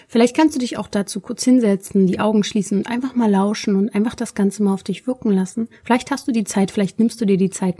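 A woman speaks calmly and gently, inviting listeners to sit, close their eyes and listen as she tells a story. Her voice is mellow and warm, with a soft, breathy texture. She addresses her audience directly and reflectively. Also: mid-range voice. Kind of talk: reflective storytelling with guided pause.

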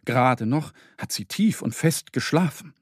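A man reading a children's story aloud in an expressive, lively scripted narration. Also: mid-range voice, a little slow, slightly rough, no room sound, studio quality.

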